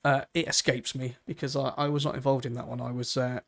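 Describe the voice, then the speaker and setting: Gravelly chatty race commentator. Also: male voice, medium pitch, flat delivery, fast, a bit bright. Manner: chatty, rambling, laughs easily. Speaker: sim racing commentator. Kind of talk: live esports race commentary.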